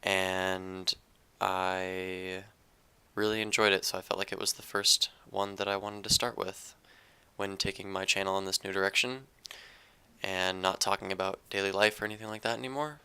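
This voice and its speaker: A young man, recovering from an illness, who talks in a subdued, hesitant monotone and reads his own poetry. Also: moderate pace, clean tone. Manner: subdued, low-energy and monotone; hesitant, with fillers and restarts. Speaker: poetry channel creator. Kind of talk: casual talk to camera, then poetry reading.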